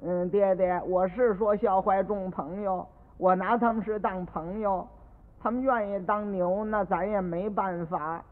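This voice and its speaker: A man voicing a cheeky, clever young schoolboy who answers softly and slowly, as if innocent, heard on an old radio recording with long reverb. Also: high voice, steady tone, narrow, tinny audio. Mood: sly innocent. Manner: soft, slow, innocent-sounding replies. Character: cheeky clever schoolboy poet, sly and mild.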